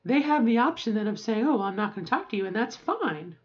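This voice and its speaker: A woman's voice: a little high, sing-song, quick pace, highs cut off. A woman in her forties talking casually to camera, rambling and correcting herself as she gives advice. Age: 40s. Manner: rambling, self-correcting, chatty. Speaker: vlogger.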